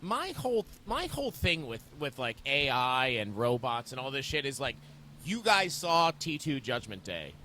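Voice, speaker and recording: A man co-hosting a casual bar podcast, ranting in an animated, profane way. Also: medium pitch, normal speed, a little hiss or hum. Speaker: podcast co-host.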